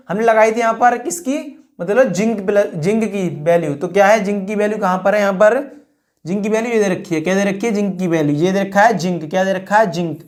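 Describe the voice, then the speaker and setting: A woman teaching an exam-prep chemistry lecture, her voice sitting in an ordinary middle pitch. She poses a rhetorical question, then repeats the answer to drive it home. Her sentences run on with "I mean" and "that is" as she talks her way through each point. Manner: fills speech with 'I mean' and 'that is'.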